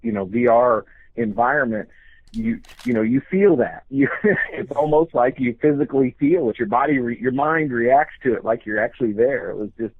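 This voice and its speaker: An older man reflecting casually in an earnest, halting way, often repeating his phrases. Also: medium pitch, expressive, vocal fry, slightly rough, no echo. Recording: thin phone-like dry recording.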